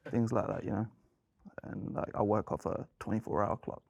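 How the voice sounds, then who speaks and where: A man's voice: fairly low pitch, steady tone, normal speed, gravelly, a little mellow, dry recording. A young man speaking nervously and stumbling over his words.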